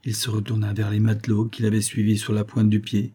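Husky, dark-voiced male audiobook narrator. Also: fairly low pitch. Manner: steady, measured storytelling delivery. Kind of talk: scripted narration of a classic novel.

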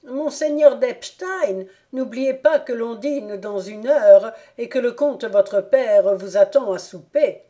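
A woman voicing a fussy, servile old male doctor in a raised, higher voice. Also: slow pace, hardly any pauses, mellow.

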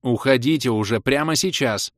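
A man's voice: mid-range voice, very animated, fairly quick, no room sound, clean studio sound, pitched above the performer's own voice, natural voice. A man doing a stern hissing baroness. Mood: commanding. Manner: sharp, hissing, commanding.

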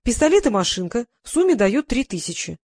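Woman reading calm young cashier, polite and unbothered, slightly raised pitch. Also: fairly quick, no room sound, clean studio sound. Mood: matter-of-fact. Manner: polite, matter-of-fact.

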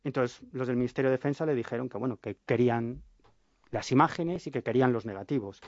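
A man's voice: medium pitch, fast talker, no echo, dull audio. Ironic man telling a story. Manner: lively storyteller, ironic asides, rhetorical questions. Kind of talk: radio chat, storytelling.

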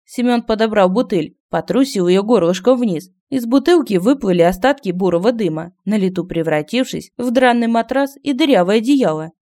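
A woman narrating a humorous fairy tale as an audiobook reader, lively and expressive. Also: medium pitch, moderate pace, few pauses. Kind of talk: scripted narration.

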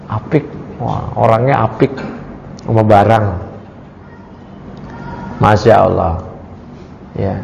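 A man's voice: on the high side, vocal fry, darkish tone, slight background noise. A man teaching a study-circle lesson on a creed text, reading Arabic lines and explaining them in casual, joking chat while quizzing his audience. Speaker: Islamic religious teacher. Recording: long hall reverb.

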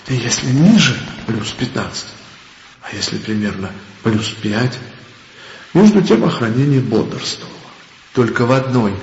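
A male army lieutenant played by an actor narrates a war drama. His mid-pitched delivery is measured and expressive. The sound is dull, with hall echo and faint noise. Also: close to an everyday voice. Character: wartime army senior lieutenant recounting his story. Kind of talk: scripted first-person dramatic narration.

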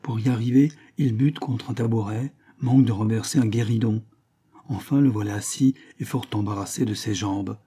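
A man's voice: fairly low pitch, fairly even intonation, normal speed, dark tone, breathy edge. A man reading a novel aloud in first-person narration, raising his voice for the dialogue. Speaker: audiobook reader.

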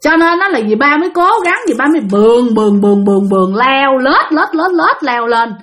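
A woman's voice: sits high, lively intonation, a little fast, a bit bright. A woman telling a ghost story, addressing her listeners directly.

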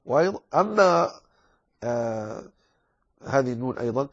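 A man teaching a lesson on Quran recitation rules. He explains calmly, then stretches out words slowly to demonstrate. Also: medium pitch, lo-fi sound. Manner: calm explanation, then slow drawn-out demonstrations. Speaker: tajweed teacher.

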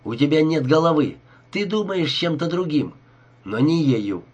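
A man's voice: fairly high pitch, lively intonation, measured pace, darkish tone, breathy edge, muffled recording. A man voicing a cold, scheming male crook who talks with sneering irony, in an audiobook reading. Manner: sneering, ironic.

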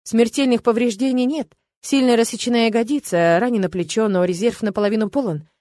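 A woman's voice: fairly high pitch, steady tone, a little fast, dark tone, dry recording, natural voice. A woman reading a skeptical, matter-of-fact male healer mage in an audiobook, with a dry close sound.

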